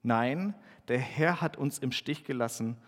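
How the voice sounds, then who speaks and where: Heard first through the long ring of a church hall: a man voicing an anxious young farmer-warrior, pleading and full of doubt. His voice sits in a middle pitch, a touch higher and louder than his narration. The sound carries a lingering reverb. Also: measured pace, lightly acted.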